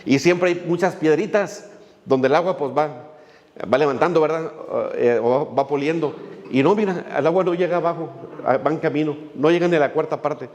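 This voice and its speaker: A man's voice: a little high, normal speed, darkish tone, big-room sound. A male pastor, preaching a sermon in a folksy way, with many fillers and little jokes as he tells a story.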